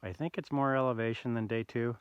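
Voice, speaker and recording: An older man telling a rambling, easygoing story outdoors on a remote mountain road, with many pauses and "uh"s. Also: medium pitch, steady tone, clean tone, no room sound, lo-fi sound. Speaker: bikepacker vlogger. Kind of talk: casual outdoor vlog narration.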